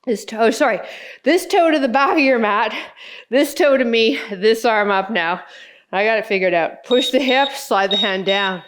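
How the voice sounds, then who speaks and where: Female fitness instructor, slightly high pitch, encouraging, calling counted workout moves in short cues. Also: normal speed.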